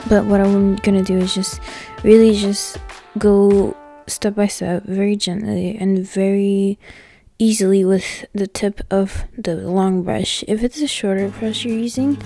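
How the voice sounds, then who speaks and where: A woman's voice: mid-range voice, warm tone. A young woman giving a casual, chatty tutorial voice-over, her speech slightly impeded by a swollen mouth, with music behind her. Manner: informal, chatty, filler-heavy with "like". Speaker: nail technician giving a tutorial. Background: background music.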